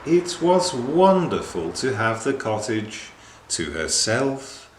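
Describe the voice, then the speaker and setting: A man reading a children's picture book aloud in a slow, very expressive way. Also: mid-range voice. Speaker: storyteller. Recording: echoey room with faint noise.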